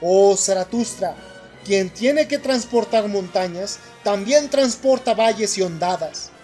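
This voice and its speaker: A man's voice: high voice, expressive, unhurried, warm tone, soft background music. A man reading the lines of a stern, voiceless inner voice in a spoken audiobook, grave and urging.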